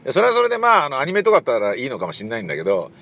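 A man with a medium-pitched, slightly bright voice talks rapid-fire, his pitch swooping wildly. As a playwright and director, he casually rambles on his own about writing his play, using many fillers and sometimes acting out the voices of people he quotes.

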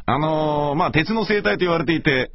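A middle-aged man with a hoarse, gravelly voice, rambling casually and self-deprecatingly as he hosts a solo radio talk. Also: fairly high pitch, animated, normal speed, crowd noise. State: morning hoarseness after heavy talking. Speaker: radio show host and voice performer. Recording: slightly dull, lo-fi audio.

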